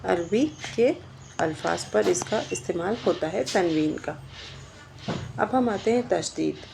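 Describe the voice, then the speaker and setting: A woman's voice: fairly low pitch, vocal fry, background noise. A woman teaching a grammar lesson, explaining step by step and asking questions that she then answers herself. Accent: Indian Urdu.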